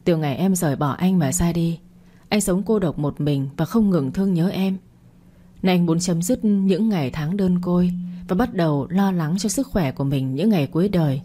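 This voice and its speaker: A proud older widower, put on by a woman narrator lays down each word firmly. The voice sits low and husky. It belongs to a spoken audio story. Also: dark tone, close to an everyday voice. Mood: tender. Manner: firm, pressing each word. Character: stern widowed older man, proud and lonely.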